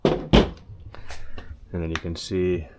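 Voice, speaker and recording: A low-pitched man talks extremely slowly as he hosts a truck DIY install video in and around a pickup. His step-by-step guidance is casual, hands-on and matter-of-fact, and there's steady background noise.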